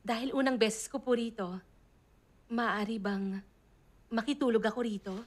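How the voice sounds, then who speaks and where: Prim young noblewoman, dub actress, high and courteous. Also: moderate pace, lightly acted. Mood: polite. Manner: formal, polite speech. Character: young noblewoman out of time, formal and flustered. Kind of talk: Tagalog drama dub.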